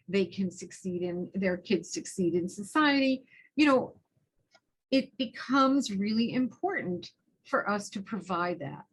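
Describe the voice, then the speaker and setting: A fairly high-pitched woman with a husky, breathy tone, speaking earnestly on a video call. She talks conversationally as a panelist and tells anecdotes in a relaxed storytelling way. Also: low-quality recording. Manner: earnest, tells anecdotes with lively quoted dialogue. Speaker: panelist, early childhood educator.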